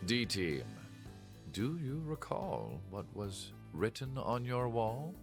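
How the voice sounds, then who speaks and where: A man playing a calm, smug old villain in a video game, delivering a deliberate, theatrical villain monologue in a deep, gravelly voice. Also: faint music behind, full character voice. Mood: calm, cryptic. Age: older. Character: scheming old male villain, calm, smug, explaining his plot.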